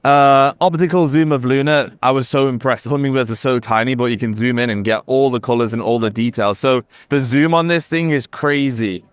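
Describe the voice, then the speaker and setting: Talking a little fast with few pauses, a man demos a camera for his company amid the bustle of a trade show, sounding enthusiastic and conversational and dropping in fillers. His voice is medium-pitched and clean, with no room sound.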